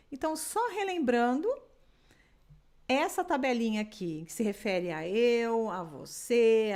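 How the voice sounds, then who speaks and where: A Brazilian woman gives an English lesson in Portuguese, pointing to tables and drilling words slowly for the listener to repeat. She has a higher voice and speaks at an unhurried pace. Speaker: English teacher. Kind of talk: online language lesson.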